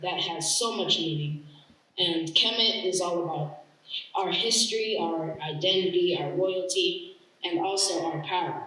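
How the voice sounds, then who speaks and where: A man from Connecticut talks as a guest on a video call with a bright voice, light-hearted and giggly, with plenty of ums. The room is very echoey, with a faint hiss behind him. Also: high voice, a little slow. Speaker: actor and guest. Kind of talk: casual interview over video call.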